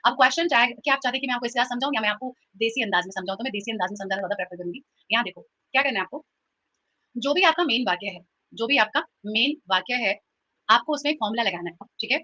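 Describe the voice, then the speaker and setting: Lively high-voiced woman teacher, bright tone. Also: no echo. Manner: lively, teasing, mixes Hindi and English. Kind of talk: online grammar class. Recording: dull lo-fi sound.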